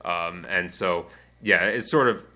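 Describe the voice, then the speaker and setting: Hosting a community radio show and coordinating its music, a man with a deep voice speaks a little slowly. His chat is relaxed and rambling, packed with fillers and side comments.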